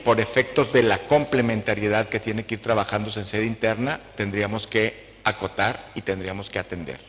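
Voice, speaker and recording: A man on an academic panel, laying out his points one by one in a measured way with frequent fillers. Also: on the low side. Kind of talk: round-table academic talk. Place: lecture hall. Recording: long hall reverb.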